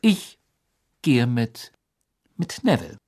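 A reader voicing Ginny, a shy young teenage girl who speaks haltingly. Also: extremely low pitch, huge pitch swings, darkish tone, husky, exaggerated voice. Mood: awkward. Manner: hesitant, halting.

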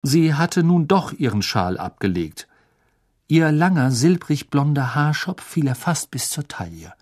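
A man reading a children's novel aloud with expressive storytelling. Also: fairly high pitch, measured pace. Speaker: audiobook narrator. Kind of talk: scripted narration.

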